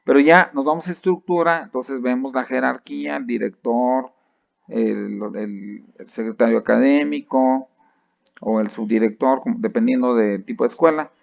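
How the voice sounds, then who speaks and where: A Mexican-accented man lectures on thesis methodology in a strongly gravelly voice. He talks loosely and conversationally, with fillers, restarts and rhetorical check-ins to his students. The recording is dry and dull, with a lo-fi sound. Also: mid-range voice, moderate pace, dry recording. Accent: Mexican Spanish.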